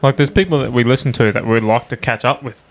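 A young Australian man co-hosts a podcast from a smallish room in a home, chatting casually. His medium-pitched voice is fast, and his manner is laid-back, sweary and full of slang.

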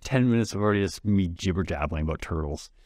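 A man co-hosting a casual podcast, talking quickly and tripping over his words as he rambles. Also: low-pitched, darkish tone, no room sound, studio quality. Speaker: podcast co-host. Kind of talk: casual chat.

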